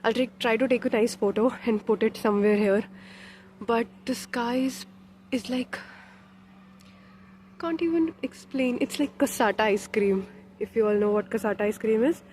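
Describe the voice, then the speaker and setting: A woman's voice: on the high side, normal speed, long pauses, a little mellow, a little hiss or hum. A young woman with an Indian accent chatting casually in a vlog, switching between English and Hindi, recorded on a phone held at arm's length outdoors. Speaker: vlogger. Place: walking outdoors and on a rooftop terrace.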